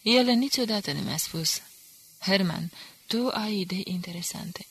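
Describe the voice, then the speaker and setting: A woman's voice: mid-range voice, slightly rough. A woman reading the part of a contemptuous, hard-drinking male enemy agent who speaks with cool disdain. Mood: scornful.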